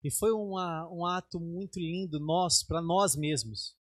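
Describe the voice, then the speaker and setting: A man's voice: measured pace, slightly rough, dry recording, clean studio sound. A middle-aged Brazilian man preaching as a bishop, telling a personal testimony and acting out the dialogue in a raised voice. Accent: Brazilian Portuguese. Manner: animated storytelling, acts out dialogue in raised pitch. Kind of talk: sermon testimony.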